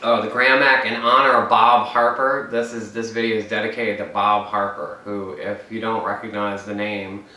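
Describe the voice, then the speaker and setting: A man's voice: on the low side, level tone, normal speed, hardly any pauses, sharp tone. A man chatting and rambling while he eats on camera, filming himself alone indoors. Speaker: mukbang vlogger. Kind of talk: casual eating vlog. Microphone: camera mic set up by himself. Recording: echoey room, mic at a distance, faint noise.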